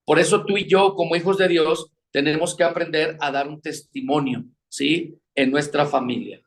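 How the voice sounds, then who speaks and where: A man's voice: on the high side, steady tone, moderate pace, vocal fry, slight background noise. A man preaching a sermon on marriage, asking his listeners questions. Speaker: pastor teaching on marriage.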